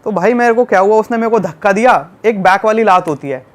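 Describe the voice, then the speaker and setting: A man from Delhi, a travel vlogger, telling a road-trip fight story in an animated, casual way. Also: high voice, fast. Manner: animated, acts out shouting in the retelling. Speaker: travel youtuber guest.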